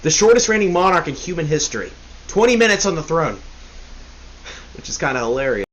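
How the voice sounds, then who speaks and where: A man's voice: a little high, sing-song, a little fast, fairly bright tone, highs cut off. A young man hosting a casual history podcast, rambling and joking, often correcting himself. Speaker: podcast host. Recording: faint hiss.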